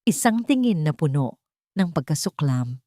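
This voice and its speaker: With clean studio sound and no room echo, a Filipino-accented female audiobook narrator reads a dramatic, scripted tale. Her voice is low-pitched and warm, with big pitch swings at a moderate pace.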